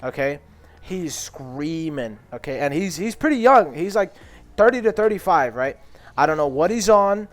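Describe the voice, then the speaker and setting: A young man co-hosting a casual podcast, telling a rambling, profane story and loudly acting out the people he quotes. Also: high-pitched, expressive, brisk. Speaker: podcast co-host.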